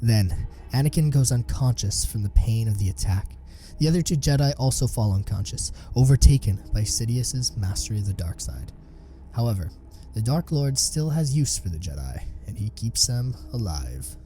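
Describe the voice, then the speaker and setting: A man giving scripted narration of a sci-fi story in an even storytelling manner. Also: mid-range voice, moderate pace, a little hiss or hum.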